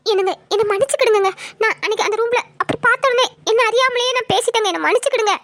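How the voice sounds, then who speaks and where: A woman's voice: extremely high pitch, very fast, a bit bright. A woman playing a middle-aged mother who defends herself and then pleads for forgiveness in a family drama skit. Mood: pleading.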